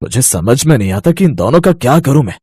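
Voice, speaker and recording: A man's voice: mid-range voice, big pitch swings, fast, dark tone, husky. A man voicing a stern young husband and elder brother in a storybook, scolding and exasperated. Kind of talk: storybook character voice.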